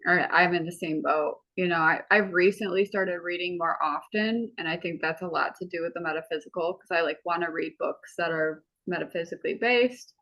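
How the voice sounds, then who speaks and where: A woman's voice: fairly low pitch, fairly quick, hardly any pauses, a bit bright. A woman co-hosting a podcast in casual, open chat, rambling with lots of "like". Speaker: podcast co-host. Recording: dull lo-fi recording.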